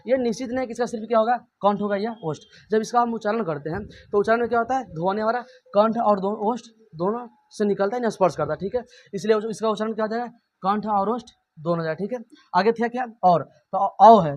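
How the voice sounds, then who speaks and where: A man teaching a grammar lesson. He keeps asking and answering his own questions and repeats every point. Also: high-pitched.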